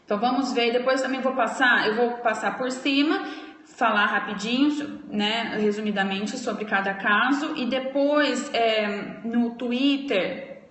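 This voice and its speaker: Woman, language teacher, slightly high voice, unhurried patient delivery, echoey room. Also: a bit bright. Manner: explains slowly, spells out letters, checks in with "tá?" and "ok?". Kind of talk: live-streamed grammar lesson.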